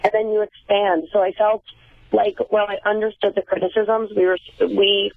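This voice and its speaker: A woman's voice: mid-range voice, little pitch movement, moderate pace, gravelly, dry recording. Wry woman on a tinny phone line. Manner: articulate, wry, self-deprecating. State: groggy morning voice. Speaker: phone-in guest. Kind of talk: casual phone chat. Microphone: telephone.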